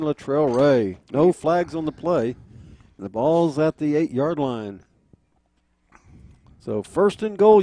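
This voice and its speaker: A man's voice: on the high side, dark tone, no room sound. An American man calling a football game live as the play-by-play announcer. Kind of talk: live play-by-play sports commentary.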